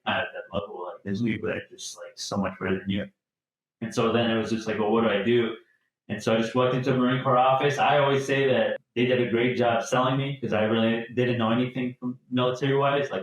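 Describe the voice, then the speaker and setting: A man in his thirties who grew up in France, chatting as a podcast guest in a relaxed, rambling way. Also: on the low side. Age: 30s. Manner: relaxed, rambling with many restarts. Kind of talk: casual interview chat. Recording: very echoey room.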